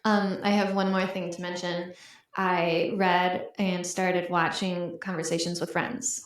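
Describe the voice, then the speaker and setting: A woman's voice: lowish voice, flat delivery, unhurried. A woman co-hosting a podcast, chatting casually and rambling with lots of "um" and "like". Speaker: podcast co-host. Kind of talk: casual chat. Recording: echoey room.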